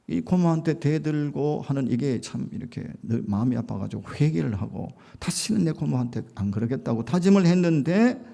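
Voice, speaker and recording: A man's voice: fairly high pitch, creaky, mellow. A man preaching a sermon as a pastor, telling a story with rising emphasis and acted-out quotes.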